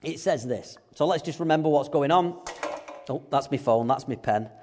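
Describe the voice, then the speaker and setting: Male preacher, high voice, chatty and jokey, long hall reverb. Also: normal speed, a little mellow, slight background noise. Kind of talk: sermon.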